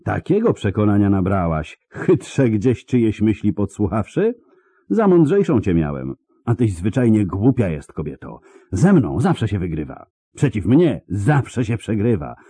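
A man's voice: low voice, sing-song, takes it slowly, few pauses, mellow, no room sound, studio quality, pitched above the performer's own voice, heavily acted. A man doing a drawling venomous coroner. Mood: menacing. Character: venomous menacing male imperial coroner.

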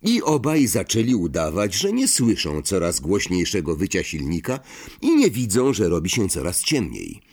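A man narrating an audiobook with expressive storytelling. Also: sits low, normal speed, breathy edge. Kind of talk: audiobook reading.

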